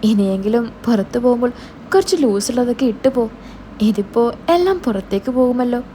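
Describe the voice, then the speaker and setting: A woman's voice: fairly high pitch, lively intonation, brisk, warm tone, a little hiss or hum, lightly acted. Woman voicing a sly teasing older father-in-law.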